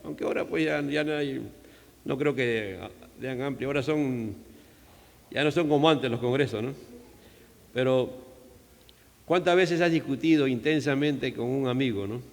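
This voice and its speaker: A man's voice: medium pitch, normal speed, vocal fry, long pauses, big-room sound. A male pastor with a Peruvian Spanish accent preaching a sermon in a church, in a conversational style full of "¿no?" asides. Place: church hall.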